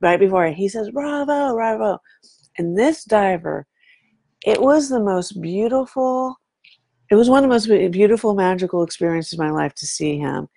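A woman telling a story in a casual talk, animated and often checking in with "right?". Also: medium pitch, normal speed, gravelly, dry recording, studio quality. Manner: animated, fond of saying "right?" to draw the listener in.

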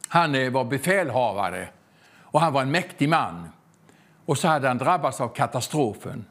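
A man preaching a sermon that tells a story, with slow, emphatic repetitions and frequent hesitant fillers. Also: mid-range voice.

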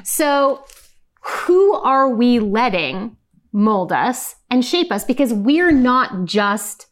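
A woman's voice: on the high side, very animated, slow pace. A woman co-hosting a Bible program, reading verses aloud and explaining them in an earnest teaching way. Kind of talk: scripture reading and discussion.

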